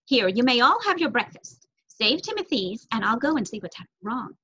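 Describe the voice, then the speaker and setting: A warm, brisk mother mouse, as a woman reads her calls out cheerfully in a high, lively voice. The tone is a little husky, and the sound is dull and lo-fi. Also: heavily acted. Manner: cheerful, bright calling. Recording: dull lo-fi recording.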